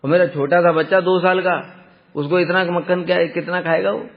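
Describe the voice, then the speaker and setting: A man's voice: high voice, fairly even intonation, moderate pace, vocal fry. A male storyteller voicing a doting mother who defends her little son, with an indignant, protective tone. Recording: dull lo-fi sound with long hall reverb.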